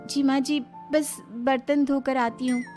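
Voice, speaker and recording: A woman voicing a naive, gentle young village daughter-in-law in a cartoon story, speaking softly and meekly. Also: high voice, flat delivery, slow, soft background music, voice pushed up.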